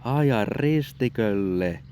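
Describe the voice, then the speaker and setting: A man voicing a heavenly angel in a fairy tale, giving slow, solemn commands in a raised, altered voice. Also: medium pitch, expressive, warm tone, slight background noise, pitched above the performer's own voice, natural voice. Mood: commanding.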